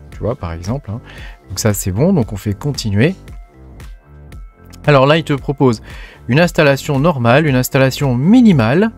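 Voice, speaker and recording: A man from France hosting a casual tech tutorial, talking informally to the viewer with many fillers and tags like "hein". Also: mid-range voice. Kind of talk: casual screen-recorded tutorial.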